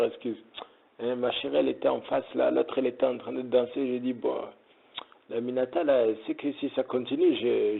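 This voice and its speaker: Gravelly man, tinny phone-like sound. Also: mid-range voice. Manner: joking, digressive, slips into mock Italian. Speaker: content creator talking about modeling. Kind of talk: casual rambling monologue.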